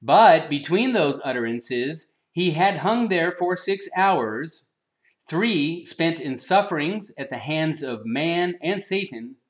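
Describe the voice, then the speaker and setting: A man delivers a sermon in a slightly higher-than-usual voice, reading a commentary aloud. He leans hard into each scripture quote and stops often with an "uh" before going on. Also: lively intonation. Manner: earnest, with emphatic swells on scripture quotes and frequent "uh" pauses. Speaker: preacher.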